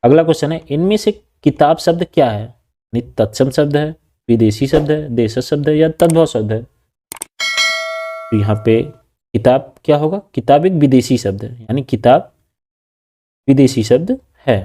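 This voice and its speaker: A man's voice: mid-range voice, animated, a little slow, pauses often, mellow. A man teaching a practice lesson for an exam. He reads each question and its options aloud, then explains the answer and repeats it. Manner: repeats answers and keeps saying "right answer".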